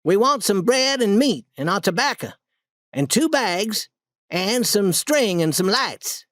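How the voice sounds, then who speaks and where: A storybook reader voicing an eager, bold boy adventurer in a raised, excited voice. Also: medium pitch, a little slow, dry recording, studio quality, pitched above the performer's own voice. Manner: excited, insistent.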